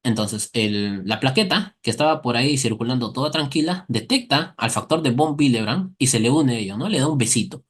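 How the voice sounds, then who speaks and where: A man's voice: mid-range voice, expressive, a little fast, hardly any pauses, breathy edge. A man giving a recorded medical class, often asking the students a question and answering it himself, with playful everyday comparisons. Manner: asks and answers his own questions, playful analogies. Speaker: medical lecturer.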